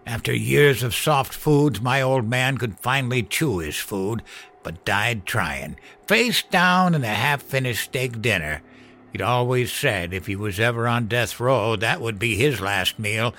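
Cranky old grandpa in an audio drama, rough gravelly voice, weary and bitter. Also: male voice, mid-range voice, animated, measured pace, sharp tone. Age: older. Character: bitter old male grandfather, former comedian.

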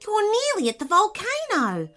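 A woman's voice: very high-pitched, huge pitch swings, moderate pace, pushed and bright, faint music behind, voice pushed up, full character voice. A woman voicing a cheerful, encouraging talking koala in a storybook reading. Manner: cheerful, reassuring.

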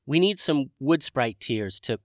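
A man voicing a polite young dragon who talks hesitantly, in halting bits. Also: mid-range voice, expressive, no echo, studio quality, close to an everyday voice. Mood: earnest.

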